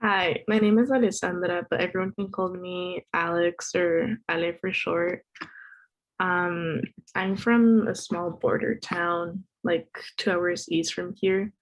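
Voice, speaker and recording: A woman's voice: lowish voice, fairly even intonation, slow pace, low-quality recording. Hesitant young woman student. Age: young adult.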